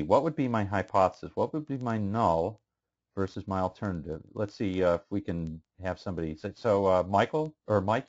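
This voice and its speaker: A man's voice: low-pitched, darkish tone. A male instructor giving a casual statistics lecture, asking students questions and using many fillers. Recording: muffled lo-fi classroom recording.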